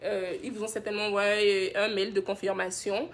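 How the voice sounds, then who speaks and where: A woman from Benin speaks at a moderate pace in a medium-pitched, level tone. Hosting a live stream for a skincare brand, she reads out viewers' skincare comments and answers them warmly and chattily, laughing often.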